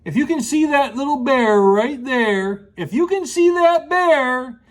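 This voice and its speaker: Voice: high-pitched, expressive, measured pace. A storyteller in a rambling grandpa style, reading to children with folksy asides and questions. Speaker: children's story show host.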